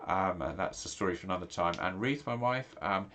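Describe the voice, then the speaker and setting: Low-pitched and a little bright, the voice belongs to a middle-aged man from England, a pastor speaking casually to camera. He moves fairly quickly, his nasal, congested tone marked by many ums and restarts.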